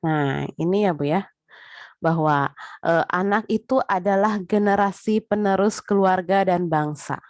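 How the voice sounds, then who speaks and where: A woman's voice: fairly low pitch, measured pace, no echo. A woman giving a casual spoken lecture, chatty, with frequent filler tags, talking straight to her listeners.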